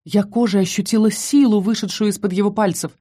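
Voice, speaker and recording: Brief: woman audiobook narrator, mellow mid-pitched voice, dramatic fantasy reading. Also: fairly even intonation, brisk, husky.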